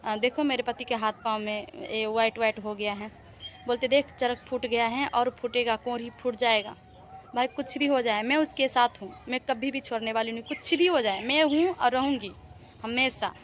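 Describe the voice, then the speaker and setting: A woman's voice: on the high side, normal speed. A young woman with a Bihari Hindi accent, vlogging in a plaintive, indignant way on a handheld phone as she walks through her family house and rooftop. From Bihar, India. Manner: plaintive, indignant, pleading to viewers. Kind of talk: aggrieved personal vlog.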